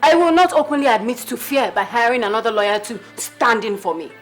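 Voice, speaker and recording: A woman's voice: fairly high pitch, lively intonation, a little fast, soft background music, close to an everyday voice. Actress as a proud, defiant Nigerian woman lawyer. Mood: firm. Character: proud, defiant young female lawyer and heiress.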